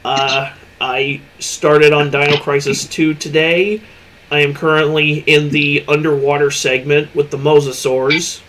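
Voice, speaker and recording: A man co-hosting a casual livestream over a headset mic, easygoing and quick to laugh between remarks. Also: on the high side, flat delivery, a bit bright, slight background noise, rough recording. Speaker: streamer co-host.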